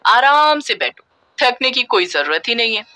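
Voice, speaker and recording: A woman's voice: on the high side, big pitch swings, moderate pace, background noise. Woman playing a teasing young man.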